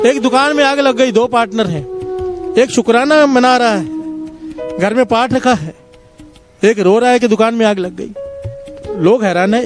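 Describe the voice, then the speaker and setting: A high-pitched male satsang preacher delivers a devotional sermon, telling simple parables to his congregation. He keeps pausing to lead a call-and-response chant, with soft music faint in the background.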